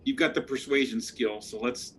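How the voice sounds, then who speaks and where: A man plays a tabletop game, thinking out loud with frequent pauses and fillers. His voice sits at an ordinary middle pitch. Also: a little hiss or hum. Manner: hesitant, many fillers. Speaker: player. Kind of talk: tabletop game play, casual chat.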